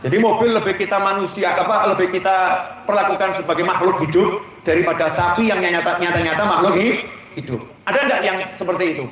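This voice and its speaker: A man's voice: sits high, brisk. A man giving a humorous religious sermon, telling stories with folksy asides. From Indonesia. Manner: humorous, lively storytelling with Javanese asides. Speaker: preacher. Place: large hall at a religious gathering. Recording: echoey, distant mic with faint background ambience.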